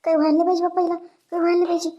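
A woman's voice: very high-pitched, monotone, racing, mellow, highs cut off, soft background music. A woman voicing a wailing anxious mother-in-law. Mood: tearful. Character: worried older mother-in-law, tearful.

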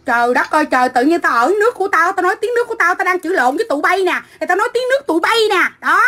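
A middle-aged woman from Vietnam, ranting into her phone on a livestream. Her voice sits high and cuts bright and sharp as she hurls foul-mouthed, combative insults. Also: expressive, racing. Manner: profane, combative, shouting insults. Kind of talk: angry livestream rant.

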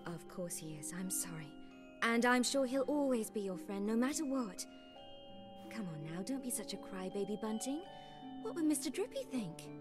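A woman voicing a gentle, motherly tear fairy in a game cutscene, coaxing and soothing. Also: fairly high pitch, sing-song, moderate pace. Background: game music.

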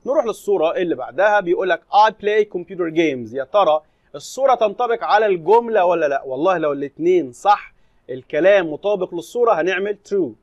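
A man with an Egyptian Arabic accent, teaching a lesson and reading English slowly before explaining it in Arabic. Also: sits high, no echo. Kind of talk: recorded classroom lesson explanation.

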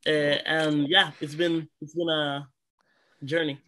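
A young adult man from Congo, appearing as a guest singer, talks eagerly and excitably over a video call from a room at home, often restarting his sentences. He uses a laptop webcam. His voice is on the high side and his pace is slow.

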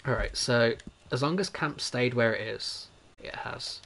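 A man's voice: mid-range voice, a little slow, creaky, a bit bright. A young adult man giving casual, rambling gameplay commentary as a streamer, chatty and self-amused.

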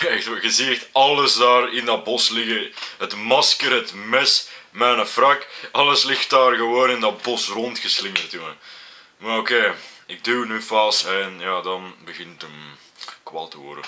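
Deep-voiced Flemish young man, chatty. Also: measured pace, a little hiss or hum. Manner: chatty, amused, relaxed storytelling. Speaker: YouTuber reacting to his own old video. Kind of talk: casual reaction commentary.

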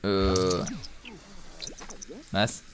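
A man giving casual commentary while playing a video game, talking to his characters in an animated way, with game music behind him. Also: sits low, extremely slow. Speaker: let's play host.

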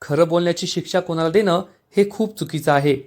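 A scheming young woman, read by a man who sweet-talks and confides to stir up a quarrel. The voice is a little high. It is a plain read, not a strongly acted one. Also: brisk, a little mellow, lightly acted. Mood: coaxing.

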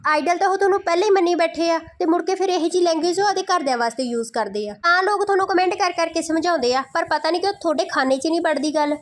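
A woman's voice: extremely high pitch, very fast, hardly any pauses. A woman giving mocking, insulting roast commentary in a scolding, sarcastic tone.

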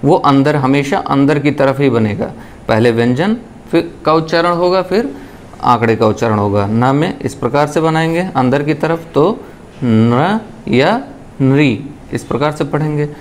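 A man's voice: mid-range voice, normal speed, a little hiss or hum. A man teaching a shorthand lesson. He explains step by step, patiently, and keeps checking in with the listener.

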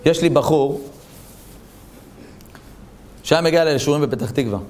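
A male rabbi giving an animated Torah talk, telling stories and asking his listeners rhetorical questions. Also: fairly high pitch.

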